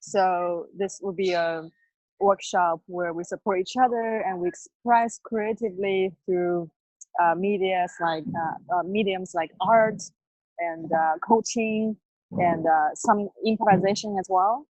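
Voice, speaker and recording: A woman life coach as an interview guest, lively, laughing often, with fillers. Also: on the low side, unhurried, no echo, poor audio. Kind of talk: casual interview. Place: near a construction site.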